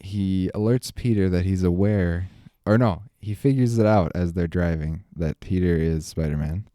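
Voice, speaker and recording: A man's voice: low voice, moderate pace, dark tone, no room sound, clean studio sound. A man co-hosting a casual movie review chat, opinionated and sarcastic. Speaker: podcast co-host.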